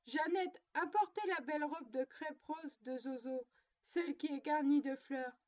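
A woman's voice: high voice, measured pace, darkish tone, lo-fi sound. A woman voicing a little girl who scolds her doll in a stern, motherly way. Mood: scolding.

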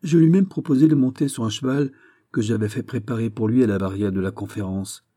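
A man reading an audiobook, voicing a grave, loyal musketeer captain who answers calmly and firmly. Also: medium pitch, fast talker, natural voice. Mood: defiant. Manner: calm, firm, quietly defiant.

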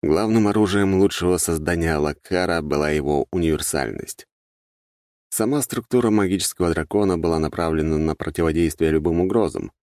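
A man narrating a fantasy audiobook in the first person, steady and measured. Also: low voice, no room sound, clean studio sound.

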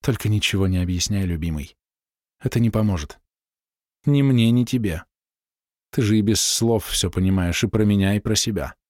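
A man voicing a gentle, grieving young woman in love, read softly and pleadingly in an audiobook. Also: fairly low pitch, no echo, clean studio sound, close to an everyday voice. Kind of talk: audiobook dialogue read by narrator.

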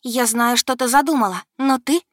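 Defiant young girl, high and loud, a woman reading. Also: normal speed, no echo, studio quality, natural voice. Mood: defiant shouting. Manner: defiant, shouting. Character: young human girl in love, defiant and bold.

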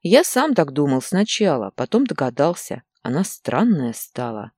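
A woman voicing a calm, tired young man who answers quietly in an audiobook story. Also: sits low, moderate pace, slightly rough, no echo, full character voice. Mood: subdued.

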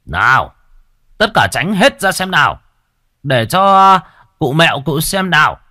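A man voicing a loud male servant of a village chief, shouting at a crowd to clear the way. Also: fairly high pitch, very animated, measured pace, voice pushed up, heavily acted. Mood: bossy shouting.

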